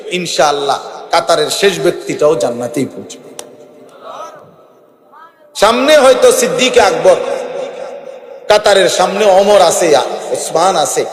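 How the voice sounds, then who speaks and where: A man with a Bangladeshi Bengali accent preaching an Islamic sermon, listing points in rhythmic phrases that rise and fall. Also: high voice. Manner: rhythmic preaching with listed phrases and rising, falling emphasis. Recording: echoey hall reverb.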